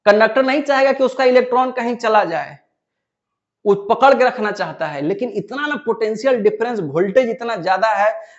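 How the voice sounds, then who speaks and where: A man's voice: high voice, moderate pace, lo-fi sound. A man teaching a physics lesson, who asks the class questions and then answers them himself. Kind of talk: classroom lecture.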